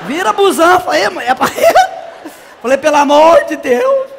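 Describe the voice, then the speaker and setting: A man's voice: very high voice, sing-song, normal speed, creaky, in a large hall, background noise, full character voice. A man playing a brash, naive country woman from the interior, telling a comic story in character. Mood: shrieking. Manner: chatty, exaggerated, squealing cries. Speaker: comedian.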